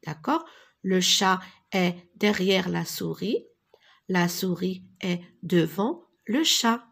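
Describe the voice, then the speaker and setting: Slow, husky woman teaching small children. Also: lowish voice, a bit bright. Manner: slow, deliberate, repeats words for pupils. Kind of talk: reading lesson for young children.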